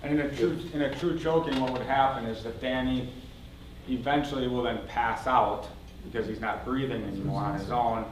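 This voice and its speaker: Mid-pitched man, roomy and noisy sound. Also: fairly even intonation, normal speed. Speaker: first responder helping teach class. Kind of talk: casual explanatory class talk. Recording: echoey room, distant mic, clear noise.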